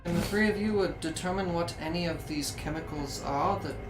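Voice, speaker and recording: A man playing a tabletop game, asking questions and reasoning his way through them out loud. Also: fairly high pitch, brisk. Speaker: player. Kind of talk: casual tabletop game play. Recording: roomy mic with background music.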